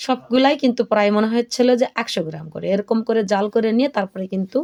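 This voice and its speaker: An older woman who vlogs about home cooking chats casually during a kitchen demonstration, often checking that viewers are keeping up. Her voice is a little high and a little mellow, and she talks fast.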